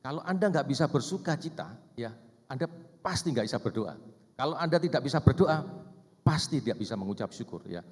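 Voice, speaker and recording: A man speaks at a church seminar, his voice at an ordinary middle pitch. He keeps drawing in the audience with questions and tags "Bapak Ibu ya" onto his lines. The sound rings with the long reverb of a large hall. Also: expressive, brisk, darkish tone, husky. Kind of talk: church seminar talk to couples.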